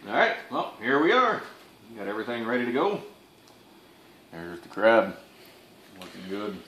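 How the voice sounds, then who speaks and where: A man's voice: on the low side, very animated, normal speed, background noise. A middle-aged man with a Southern US accent, casually narrating a backyard cooking video in a folksy, self-amused way. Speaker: cooking channel host. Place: backyard outdoors, then indoors at home. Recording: insects and crickets behind.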